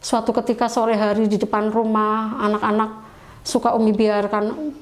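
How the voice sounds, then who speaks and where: High-voiced woman telling her testimony. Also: flat delivery, normal speed. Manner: refers to herself as Umi, pleading quoted prayers. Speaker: guest telling her conversion story. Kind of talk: emotional personal testimony.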